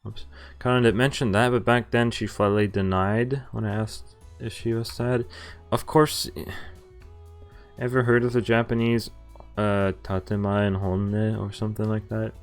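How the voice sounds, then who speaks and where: Reading visual novel text on stream, this man keeps things informal, cracking jokes between the lines. His pitch is fairly low, his delivery flat and a little slow. Soft music plays underneath.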